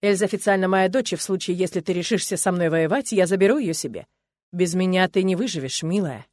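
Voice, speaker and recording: A woman reading an audiobook, voicing a domineering noble husband with calm menace that turns to hissing rage. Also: lowish voice, fast, no room sound, clean studio sound, close to an everyday voice. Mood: cold threat. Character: cold, domineering noble husband, adult man.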